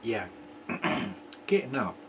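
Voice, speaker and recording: Rambling homebrew host. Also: male voice, medium pitch, very animated, slow, background noise. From England. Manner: rambling, joking, throat-clearing. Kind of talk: casual homebrew tasting chat.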